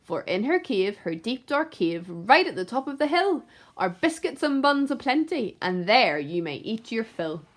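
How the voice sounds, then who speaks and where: A woman's voice: fairly high pitch, very animated, moderate pace. A woman voicing a crafty female duck in a rhyming picture book, coaxing with emphasis.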